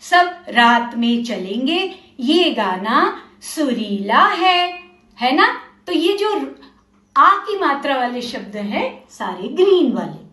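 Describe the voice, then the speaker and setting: High-voiced woman teaching slowly, echoey room. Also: sing-song, a bit bright. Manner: slow, deliberate, drawn-out words for young learners; asks learners questions and prompts them to pause and think. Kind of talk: children's literacy lesson, mixing Hindi and English. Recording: roomy echo.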